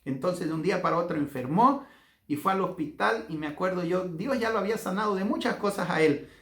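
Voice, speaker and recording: A man with a Bolivian accent preaching as a pastor, fervent and slowing into drawn-out emphatic phrases as he leads a prayer. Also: sits high. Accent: Bolivian Spanish. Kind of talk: sermon with guided prayer. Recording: echoey room with faint music.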